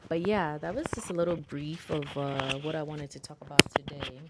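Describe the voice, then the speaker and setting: Woman, low voice, livestream host; earnest, motivational, casual with fillers and swearing. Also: a little fast, heavy background noise. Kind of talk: casual self-help commentary.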